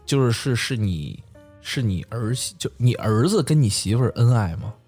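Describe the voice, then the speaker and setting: A man with a Beijing accent in casual chat with friends, animated and quick to laugh. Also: mid-range voice, husky, soft background music. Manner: animated, laughs often, asks questions.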